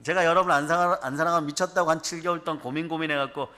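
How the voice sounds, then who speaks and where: Bright, forceful preaching man. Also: on the high side, steady tone, very fast. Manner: emphatic preaching, calling out questions to the congregation. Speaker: pastor. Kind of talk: sermon. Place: church or prayer retreat hall.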